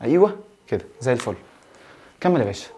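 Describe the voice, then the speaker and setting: A young man teaching a science revision lesson in Egyptian Arabic, animated and teasing, mixing English terms into his speech. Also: medium pitch, fast talker, husky.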